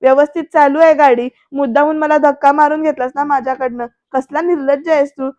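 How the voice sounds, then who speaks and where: A woman's voice: high voice, fairly even intonation, a little fast, darkish tone, highs cut off, close to an everyday voice. A woman reading out the accusing lines of an angry young woman in a recap of a TV serial.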